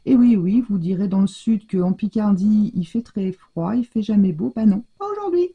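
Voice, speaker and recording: An older woman with a mid-range, slightly breathy voice talks at a normal pace, chatting casually as she works through a scrapbooking tutorial in her home craft room. This scrapbooking vlogger thinks aloud as she goes, and the recording has a dull, lo-fi sound.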